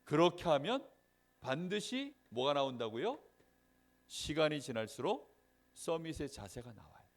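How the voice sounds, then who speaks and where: A man preaches to a Sunday school class of children in a voice set somewhat high, swinging widely up and down as he talks. He keeps asking the children questions and checking that they follow, and he acts out little scenes as he tells them. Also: big pitch swings, a little slow. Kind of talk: children's sermon.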